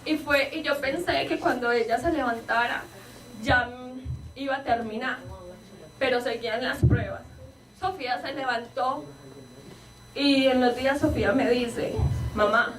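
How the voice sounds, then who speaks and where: A high-voiced woman pastor shares a heartfelt testimony, playing out the conversations as she tells them. She is picked up from a distance in a reverberant church hall, with the congregation audible around her. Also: fairly even intonation, unhurried, a crowd in the background. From Colombia. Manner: earnest storytelling, reenacts dialogue with rising emotion. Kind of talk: personal testimony in a sermon.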